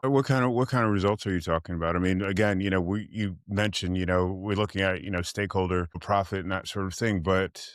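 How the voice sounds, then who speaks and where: A man's voice: sits low, fairly even intonation, quick pace, hardly any pauses, no echo, studio quality. A man hosting a podcast interview, upbeat and promotional, asking long, winding questions. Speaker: podcast host.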